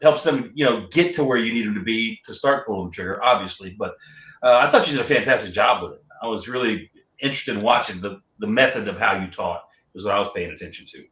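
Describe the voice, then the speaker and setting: A man with an American accent hosting a casual podcast, talking in a relaxed, rambling way with many ums. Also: on the low side, fast talker, distant mic. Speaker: podcast host. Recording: roomy and off-mic.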